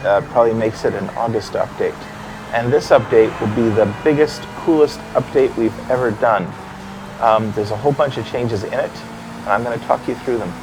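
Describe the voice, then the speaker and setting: A man's voice: mid-range voice, a little fast. A man hosting a game livestream, casually walking viewers through an upcoming update. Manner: explains game updates at length, upbeat. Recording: background hum and noise.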